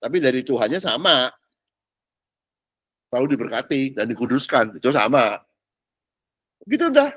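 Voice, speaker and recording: Male pastor, touches, casual teaching, animated pitch, dry close sound. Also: normal speed, pauses often, no room sound. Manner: chatty, slangy, asks listeners if they follow.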